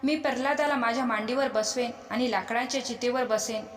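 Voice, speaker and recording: A woman's voice: a little high, brisk, lightly acted. A woman voicing a proud, scheming demoness who boasts about her plan, in an echoey space with a long reverb.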